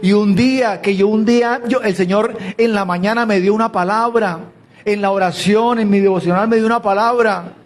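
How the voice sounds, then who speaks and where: A man's voice: high-pitched, steady tone, moderate pace. A man preaching a sermon, telling a story with earnest repetition and fervent quoted prayers. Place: church sanctuary.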